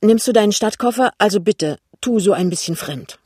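Ein Mann liest einen verlegenen, hastigen jungen Ehemann in einem Hörbuch. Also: male voice, high-pitched, lively intonation, a little mellow, breathy edge, no room sound, studio quality, pitched above the performer's own voice. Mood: hasty. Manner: hurried, embarrassed. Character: flustered young husband, shy and hasty. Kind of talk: audiobook reading.

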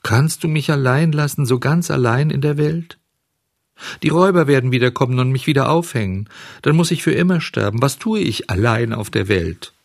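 A man's voice: lively intonation, vocal fry, no echo, clean studio sound. A man voicing a desperate, weeping wooden puppet boy who pleads and sobs. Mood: despairing. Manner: sobbing, pleading, high and fast.

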